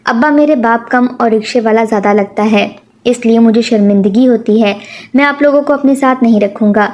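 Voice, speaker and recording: A woman's voice: fairly high pitch, darkish tone, close to an everyday voice. A woman voicing a spoiled, demanding schoolboy son who talks in a whiny, resentful way. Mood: scornful.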